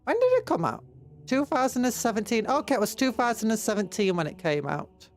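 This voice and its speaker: Fighting a cold with a blocked nose and sore throat, a British woman streams and chats rambling away to viewers, reading and replying to their messages. She speaks briskly in a fairly high voice with big pitch swings.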